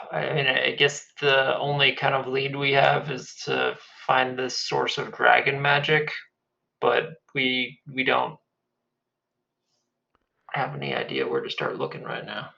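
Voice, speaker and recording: A man's voice: medium pitch, slow, creaky, long pauses, sharp tone. A man playing a tabletop game, casually talking over what the group should do. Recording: slightly dull, muffled audio.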